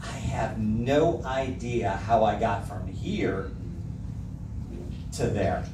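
A middle-aged pastor delivers a sermon through a handheld microphone, stressing the song lyrics he reads aloud, his fairly low voice drawing out his words. The camera sits at the back of a church hall with a projector screen. There's background noise, the hall echoes, and the mic is heard from afar.

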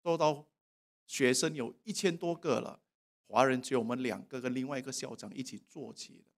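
A man preaching a sermon in a church service. He tells a personal testimony and asks the congregation questions, swinging between soft and loud. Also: mid-range voice, a little fast.

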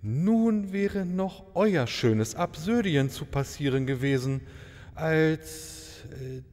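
In this take the maharaja's voice sits fairly high, slow and a little mellow, over soft background music. Still courteous and dignified, the man voicing this travelling royal in a fairy-tale comedy speaks in ornate euphemisms, sounding delicate and embarrassed, with long hall reverb around him.

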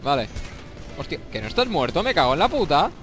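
A young man with a Spain Spanish accent giving excitable, swear-filled commentary over a shooter game and taunting the enemies. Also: a little high, brisk. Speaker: gameplay commentator. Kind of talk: let's play commentary. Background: faint game music and gunfire.

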